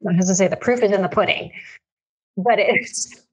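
Husky-voiced woman co-host. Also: mid-range voice, brisk. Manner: earnest, emphatic, repeats key phrases. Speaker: podcast co-host, business coach. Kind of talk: casual chat.

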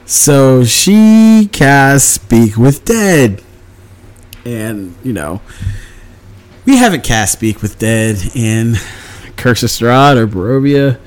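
A man's voice: medium pitch, big pitch swings, slow pace. Man rambling through a game recap. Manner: meandering storytelling, acts out quotes. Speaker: tabletop game player. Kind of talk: casual campaign recap.

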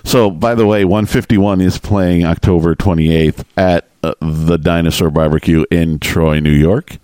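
A man's voice: low voice, steady tone, measured pace, mellow, no room sound. A man hosting a podcast, teasing and easygoing in casual banter. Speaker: podcast host.

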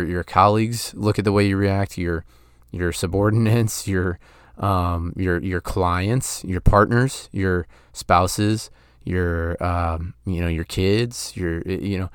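A man in his thirties hosts a motivational podcast, speaking earnestly with frequent restarts and "you know" fillers. His low voice is clear and resonant, recorded clean in a studio with no echo.

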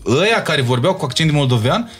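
Loud music plays behind a young man with a Moldavian Romanian accent as he chats casually as an interview guest. His voice is a little high with lively intonation, and he repeats words for emphasis.

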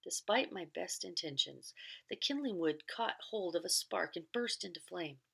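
A woman reading a novel aloud as narrator, in a steady, measured way. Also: lowish voice, vocal fry, breathy edge. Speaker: audiobook reader. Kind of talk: scripted narration.

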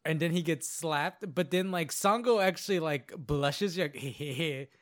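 A man with a somewhat high voice chats casually on a podcast, recapping episodes in a loose, rambling way. He leans on fillers and drifts from one point to the next. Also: measured pace. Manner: casual storytelling with many fillers and playful quoted voices. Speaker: podcast co-host. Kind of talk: casual chat reviewing anime episodes.

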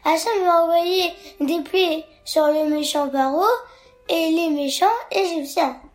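A man voicing eager young schoolboys in a children's story, with a high, squeaky childlike voice. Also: steady tone, slow pace. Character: eager young schoolchildren, boys, excited and curious. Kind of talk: storybook character voice.

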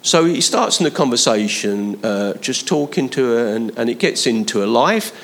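Male preacher, animated swooping pitch, chatty sermon, emphatic appeals. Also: moderate pace. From London, England. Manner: conversational, with emphatic rising appeals to the listener.

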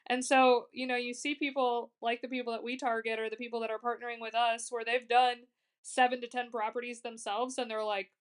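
A woman's voice: a little high, little pitch movement, fairly quick, clear, resonant tone. A woman in her twenties hosting a podcast, chatting casually with lots of "like" fillers and easy laughs. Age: 20s. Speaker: podcast host.

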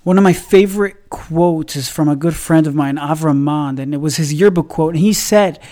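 A man's voice: on the high side, normal speed, warm tone. A man hosting a podcast, giving a motivational religious talk with emphatic, repetitive phrasing that builds through stacked lines.

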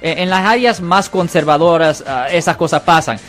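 A man hosts a legal call-in show, explaining the law plainly and patiently. His voice sits fairly high and he often says "Ok." Faint music plays softly behind him. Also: moderate pace. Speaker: radio host, lawyer answering callers.

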